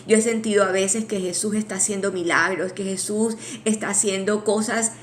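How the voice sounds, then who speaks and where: A woman's voice: mid-range voice, steady tone. A woman leads a Bible study in a mid-range voice, talking it through with her listeners. She restarts phrases and drops in little asides. A faint hiss sits under her voice. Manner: reads scripture aloud slowly.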